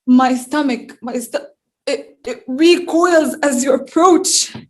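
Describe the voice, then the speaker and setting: Young woman playing a poor, gullible fairy-tale girl, melodramatic, high voice, slow delivery. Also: darkish tone. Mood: dramatic. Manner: melodramatic, wailing. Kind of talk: school play over video call.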